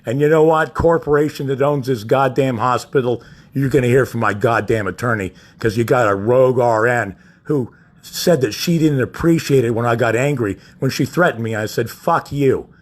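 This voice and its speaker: A husky-voiced man speaks into his phone from a hospital room. He is belligerent and profane, ranting at whoever is in the room and at his online audience. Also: medium pitch, normal speed. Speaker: patient livestreaming from a hospital bed. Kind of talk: ranting livestream monologue. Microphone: phone held by the speaker.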